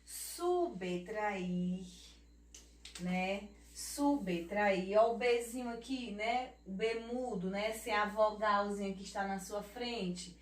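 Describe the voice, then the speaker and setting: A Brazilian woman teaching young children, spelling words out slowly and checking in with them, recorded off-mic in an echoey room. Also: medium pitch, fairly even intonation, recorded from a distance. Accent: Brazilian Portuguese. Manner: slow, drawn-out word spelling with tag questions; affectionate teacher talk, calls herself auntie. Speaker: primary school teacher. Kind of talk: children's lesson.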